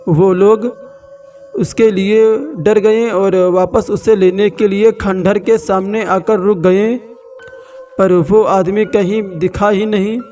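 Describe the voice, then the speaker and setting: Man, horror story narration, high voice, slow dramatic pauses, distant mic, background music. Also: mellow.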